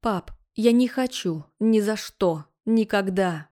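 A woman's voice: mid-range voice, slow pace, dark tone, lightly acted. A woman voicing a defiant, sarcastic young heroine in an audiobook. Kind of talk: audiobook character voice.

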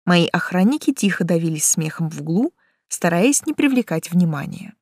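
A woman reading a first-person novel aloud in a wry, lively storytelling manner. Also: on the low side, normal speed, dry recording, clean studio sound. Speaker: audiobook reader.

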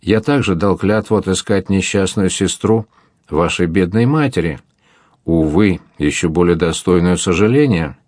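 A man voicing a gentle, helpless elderly monk in an adventure audiobook, speaking in a hushed, sorrowful way. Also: deep voice, normal speed, no echo, clean studio sound.

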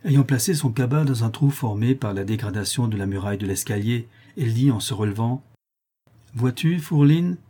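Man, audiobook narrator, steady measured reading, dark mellow tone, husky. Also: lowish voice.

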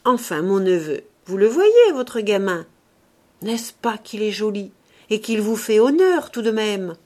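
A woman's voice: mid-range voice, very animated, measured pace. A woman voicing a sneering old uncle. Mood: scolding. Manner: loud and scolding.

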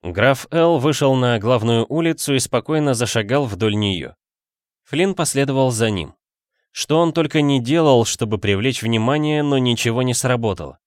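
A man narrating a story in a steady, measured audiobook reading. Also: medium pitch, no room sound, studio quality.

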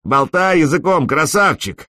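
A man playing a gruff, defiant viking warrior. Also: high-pitched, sing-song, normal speed, no echo, studio quality, voice pushed up, exaggerated voice. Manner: shouting, scornful.

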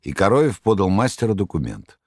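A man narrating an audiobook in a measured storytelling manner. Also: lowish voice, very animated, a little mellow, dry recording, studio quality.

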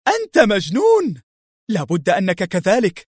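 A man voicing a panicked male enemy impostor agent who shouts frantically. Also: sits high, fairly quick, no echo, studio quality, close to an everyday voice. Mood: frantic.

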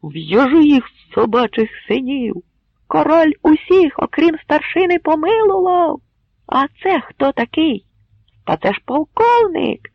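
Man voicing a shouting Cossack mob, angry and jeering, high strained yells, gravelly edge, muffled lo-fi sound. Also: big pitch swings, moderate pace, dry recording, heavily acted. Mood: rowdy shouting. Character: rowdy angry crowd of Cossacks, men.

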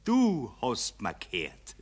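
An actor playing a gloating, mocking male spirit of money in a radio play, speaking with a Bavarian accent and swinging from loud jeers to low sneers. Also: wildly swooping pitch, slow pace, slightly rough, exaggerated voice.

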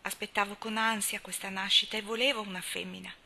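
A woman's voice: medium pitch, flat delivery, fast, bright, forceful tone. Woman doing a pious, teary older neighbor. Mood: tearful. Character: devout tearful older neighbor woman, proper.

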